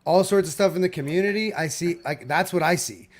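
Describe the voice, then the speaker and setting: Heated, fairly high-voiced man arguing sports. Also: fairly quick, over a noisy crowd. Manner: heated, swears freely, repeats himself. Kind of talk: casual sports debate.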